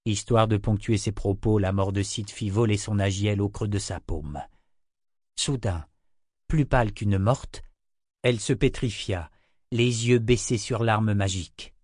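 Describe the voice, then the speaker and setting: A man reading a fantasy novel aloud in a steady, expressive storytelling manner. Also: lowish voice, unhurried, dry recording, clean studio sound. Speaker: narrator. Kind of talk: audiobook fantasy narration.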